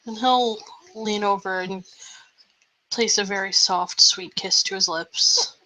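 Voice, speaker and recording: A woman gently narrating her part in a voice role-play. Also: mid-range voice, slow, rough recording.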